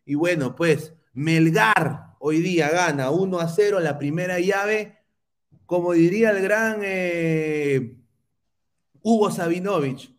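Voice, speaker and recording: A man hosts a football podcast, chatting casually and poking fun at rival fans. His voice sits a little high for a man. He reads out viewer comments with an easy, mocking edge. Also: slow. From Peru. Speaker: podcast host.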